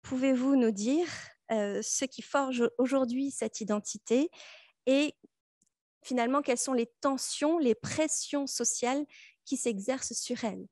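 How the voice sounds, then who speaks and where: High-voiced woman moderating formally. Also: measured pace, darkish tone, no echo, studio quality. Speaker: moderator introducing speakers. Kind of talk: prepared formal introduction.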